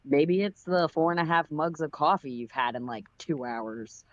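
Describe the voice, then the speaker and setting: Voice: mid-range voice, normal speed, muffled recording, natural voice. A reader voicing a teasing, wisecracking young man friend with pointed remarks.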